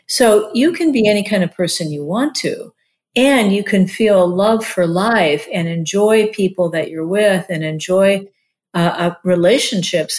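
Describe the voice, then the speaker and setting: A woman in her sixties, a marriage and family therapist, talking casually in an interview and often using "like" as a filler. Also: on the low side. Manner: chatty, warm-hearted, many "like" fillers.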